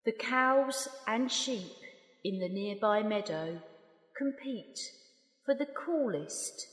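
Female meditation guide, slightly high voice, calm and unhurried, roomy echo. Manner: calm, soft, unhurried with long pauses. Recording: roomy long reverb.

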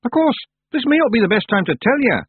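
A man voicing a tiny, nervous fairy warrior man in a high, squeaky voice. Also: sing-song, fast talker, dry recording, full character voice. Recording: husky, dry, phone-like lo-fi audio.

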